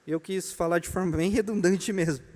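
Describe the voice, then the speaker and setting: A man's voice: high-pitched, steady tone, moderate pace, a little mellow. A man with a Brazilian accent teaching a church membership class, joking and telling stories as he speaks to the room. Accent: Brazilian Portuguese. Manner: joking, storytelling, addresses the room as brothers. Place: church hall. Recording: long reverb of a church hall.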